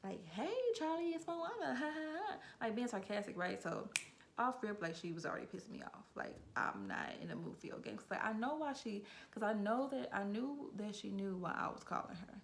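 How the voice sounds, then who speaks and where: A woman's voice: medium pitch, big pitch swings, fairly quick, creaky, fairly bright tone, a little hiss or hum. A young adult woman vlogger telling a casual storytime, chatty and filler-heavy, with a frequent "like".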